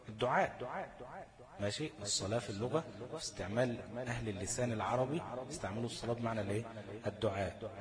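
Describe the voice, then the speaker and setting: A man with an Egyptian Arabic accent teaches a class in a voice of ordinary pitch. He keeps asking his listeners questions and then answering them himself. A crowd can be clearly heard behind him. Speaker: Quran recitation rules teacher. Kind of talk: classroom lesson.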